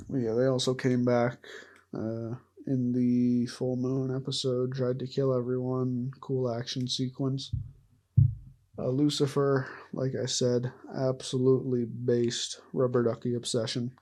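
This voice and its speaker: A man talks his way through a character ranking in loose, rambling commentary. He speaks slowly at a middle pitch, often breaking into short laughs and restarting his sentences. It sounds unscripted and offhand. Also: darkish tone. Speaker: vlogger ranking show characters.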